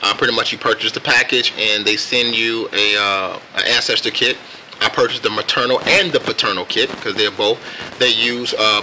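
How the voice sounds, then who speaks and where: An American man casually telling a personal story on camera in a reflective, laid-back and halting way. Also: medium pitch, sharp tone, slight background noise, rough recording. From United States. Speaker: vlogger.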